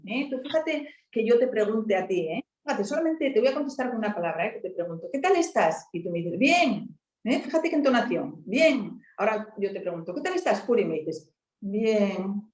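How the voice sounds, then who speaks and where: A woman's voice: medium pitch, expressive, a little fast, hardly any pauses, a little mellow. Woman explaining with many tag questions, echoey. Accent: Spanish from Asturias. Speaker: helpline volunteer speaker. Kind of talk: conversational talk.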